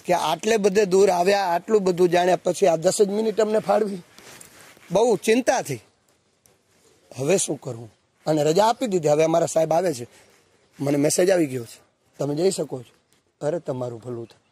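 A man delivers a motivational talk to students, weaving a story with rousing, preachy asides. His voice sits a bit high with a husky edge. He keeps asking his listeners questions to draw them in. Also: normal speed. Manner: animated, acts out dialogue and asks the audience questions. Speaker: speaker at a student values camp.

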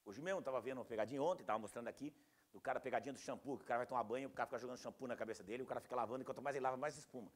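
A man teaching a class in a lively, animated way. He acts out the people he quotes in a raised voice and keeps asking the class whether it is true. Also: medium pitch, very fast. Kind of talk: classroom lecture.

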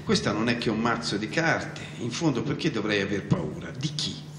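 A man's voice: on the low side, very animated, normal speed, recorded from a distance, background noise. Alice, as a man voices a polite girl. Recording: echoey hall, faint music.

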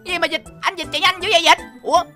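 A woman's voice: very high voice, steady tone, rapid-fire. A woman playing an earnest, anxious young male racer who exclaims and chats to viewers in a game skit. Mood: amazed, worried. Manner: breathless exclaiming, talks to viewers. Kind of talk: animated Minecraft skit voice acting. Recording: music behind the voice.

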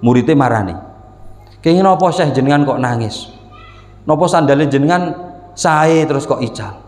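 A man with a Javanese accent teaching a religious study class, telling stories and often asking for responses, jumping up in pitch for emphasis. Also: a little mellow. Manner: storytelling with frequent call-and-response "nggih"; rises sharply in pitch for emphasis and when voicing the sheikh. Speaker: kyai teaching a kitab study. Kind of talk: Islamic study sermon. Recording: echoey hall reverb.

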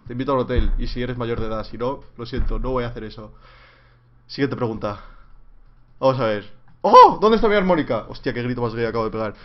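A young man with a Spanish accent, casually answering viewer questions on a live stream at home in a rambling, jokey way with sudden loud jumps. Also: mid-range voice, flat delivery, fast talker. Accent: Spain. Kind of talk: casual livestream Q&A. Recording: slightly dull lo-fi stream audio.

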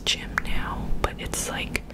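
A young woman rambling casually in a close-miked ASMR whisper, with tingly, clicky mouth sounds. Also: takes it slowly. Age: young adult. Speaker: ASMR creator. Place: small room at home, indoors. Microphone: large desk microphone up close, headphones on.

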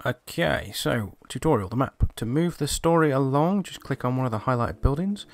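A video game reviewer hosts a gameplay video, commenting and reading aloud in a voice-over recorded over the footage with music behind it. His medium-pitched voice is gravelly, with lively intonation and a moderate pace.

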